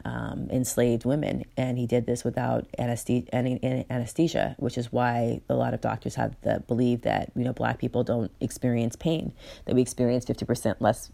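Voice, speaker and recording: A woman's voice: extremely low pitch, gravelly, mellow. A woman giving a candid personal account in an interview, blunt and emphatic, swearing freely and often restarting her sentences.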